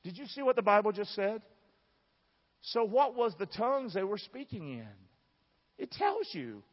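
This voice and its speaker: A husky, high-pitched male voice with big pitch swings moves at normal speed through a sermon. The preacher, who has a Southern American accent and comes from the southern United States, is emphatic and folksy and asks his congregation questions. The sound is dull and reverberant, like a large church hall.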